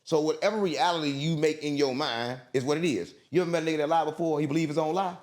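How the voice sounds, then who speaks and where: This man talks fast in a slightly high, somewhat mellow voice. Being interviewed, he goes on a rambling conspiratorial monologue, emphatic and repetitive, peppered with street slang and swearing.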